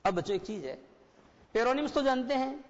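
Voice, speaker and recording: Male schoolteacher, Rajasthani Hindi accent, high voice, quizzing pupils; muffled lo-fi sound. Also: animated, brisk. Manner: asks pupils questions and repeats answers. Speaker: teacher. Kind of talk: classroom English lesson explained in Hindi. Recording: dull lo-fi broadcast sound with long reverb.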